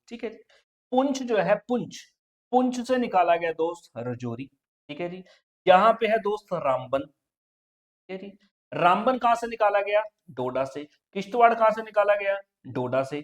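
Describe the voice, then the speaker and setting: A male coaching teacher giving an exam-prep lecture, quizzing his students and repeating every answer. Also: high voice. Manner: repetitive quizzing, keeps saying "okay" and "friend".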